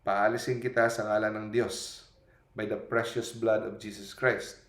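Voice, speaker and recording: A man's voice: on the low side, little pitch movement, measured pace, a bit bright. A man preaching a storytelling sermon, retelling scenes in quoted lines and often adding a questioning "no?". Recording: echoey room.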